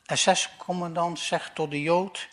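Brief: unhurried joke teller, man with a high voice. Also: level tone, a bit bright. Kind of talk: telling jokes.

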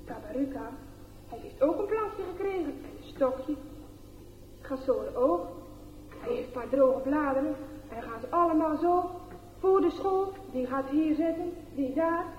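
A woman reading a children's story aloud in an expressive, animated way. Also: high voice, measured pace, a little hiss or hum. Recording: echoey, dull lo-fi room recording.

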